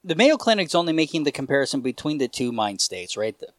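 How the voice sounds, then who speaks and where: A man's voice: on the high side, big pitch swings, quick pace, no room sound, studio quality. A man hosting a casual podcast chat, thinking aloud and explaining at length. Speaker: podcast host.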